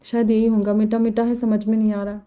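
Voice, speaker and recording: A woman reads a comedy novel aloud in first person, in a lively storytelling manner. Her voice is very dark and mellow, set a little high. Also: a little fast, clear, resonant tone. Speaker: novel reader. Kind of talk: scripted audiobook narration of a comedy novel.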